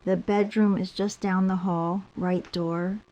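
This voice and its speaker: A woman playing a polite, formal, softly insistent host of a secluded house in a scripted drama. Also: mid-range voice, little pitch movement, slow, natural voice. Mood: courteous, inviting.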